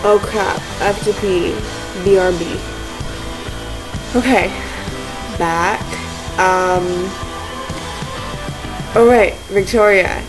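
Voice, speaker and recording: A young woman vlogs from her living room, sounding tired and sleep deprived. She talks slowly in casual, slangy chat with deadpan jokes. It is a home webcam recording with music behind her. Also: medium pitch, rough recording. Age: young adult. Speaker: video blogger. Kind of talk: casual chat to friends on camera. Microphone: webcam or laptop mic at arm's length.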